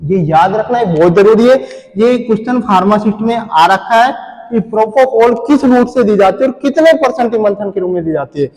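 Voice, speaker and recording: In a pharmacy lecture, a man with a high-pitched, expressive, slightly mellow voice speaks at normal speed while drawing on a board. He quizzes repeatedly, posing questions and answering them himself. The rough recording carries a big-room sound.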